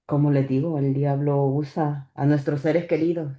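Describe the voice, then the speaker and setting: Low, mellow-voiced woman giving church testimony. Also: little pitch movement. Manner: halting, with many restarts and repeated words. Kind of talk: personal religious testimony. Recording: echoey church room.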